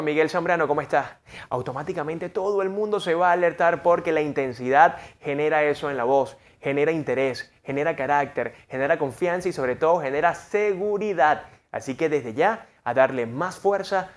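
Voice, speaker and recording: A man coaching on the voice, teaching a lesson and acting out examples with big swings in tone and emphasis. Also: fairly high pitch. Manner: expressive, demonstrates voices with big shifts in tone. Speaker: voice and speaking coach. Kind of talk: lesson on vocal technique.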